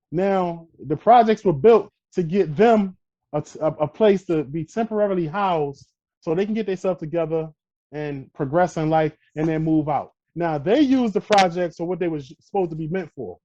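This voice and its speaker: Emphatic Brooklyn man, high voice, dull audio. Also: warm tone. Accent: New York. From Brooklyn, New York. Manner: emphatic, peppers points with "all right" and "you know what I mean". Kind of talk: casual podcast conversation.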